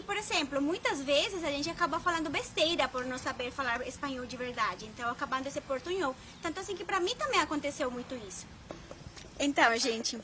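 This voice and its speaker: High-voiced woman from Colombia vlogging. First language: Spanish. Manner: chatty storytelling with quoted dialogue. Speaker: Spanish teacher and researcher. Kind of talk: casual vlog talk to camera.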